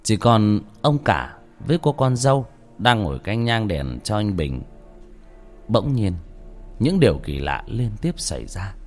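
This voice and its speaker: A man's voice: on the low side, big pitch swings, unhurried, darkish tone. Man narrating a suspenseful ghost story. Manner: dramatic, suspenseful. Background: faint music.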